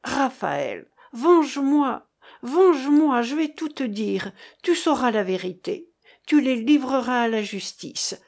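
A woman's voice: low-pitched, wildly swooping pitch, very slow, gravelly, few pauses, voice pushed down, exaggerated voice. A woman voicing a poisoned young man who is dying, in faint, broken gasps. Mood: pleading.

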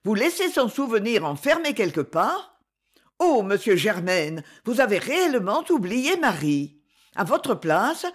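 A woman voicing an earnest, eccentric lady. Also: medium pitch. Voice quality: fervent, pleading delivery. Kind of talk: audiobook character voice.

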